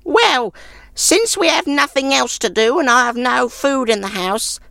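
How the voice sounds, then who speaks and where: A woman's voice: sits high, lively intonation, unhurried, creaky, a bit bright, no echo, faint music behind, voice pushed up, exaggerated voice. A woman voicing a grumpy old woman who speaks sourly and scornfully. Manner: snorting, scornful.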